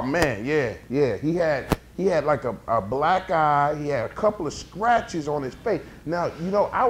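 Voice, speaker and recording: An actor doing a laid-back young neighbor who rambles in slang and trips over his words, his voice sitting a little high. A faint ambient hum runs under the comedy sketch interview.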